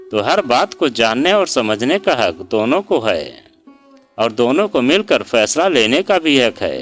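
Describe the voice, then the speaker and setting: A man voicing a fair-minded middle-aged elder brother-in-law in a story reading, speaking in a measured way to settle a family quarrel. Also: medium pitch, a bit bright.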